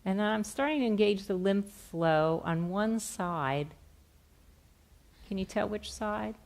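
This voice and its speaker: A middle-aged woman gently and softly explaining a hands-on therapy demonstration step by step on stage. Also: medium pitch, slow pace. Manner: gentle, soft-spoken. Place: on a stage in a theatre, indoors.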